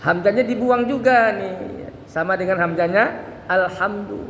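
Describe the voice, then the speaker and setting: A man teaching Quran recitation rules, patiently explaining and chanting examples slowly. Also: high-pitched, fairly bright tone, a little hiss or hum. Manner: patient, repeats points with many "ya" tags, chants examples slowly. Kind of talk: tajwid lesson with sung demonstrations. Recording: echoey room with long reverb.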